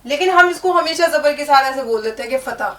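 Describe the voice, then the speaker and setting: A woman teaching a language lesson, explaining word meanings and spelling out letters slowly, often checking in with the learner. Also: high voice, a bit bright. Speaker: Urdu teacher. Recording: echoey room, mic at a distance.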